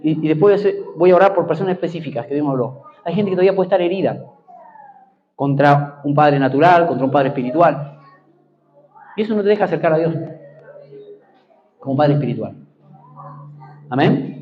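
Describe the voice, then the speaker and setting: High-voiced Argentine preacher. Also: male voice, lo-fi sound. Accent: Argentine Spanish. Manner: emphatic, repeats key phrases, calls out for amens. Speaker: pastor. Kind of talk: preaching a sermon.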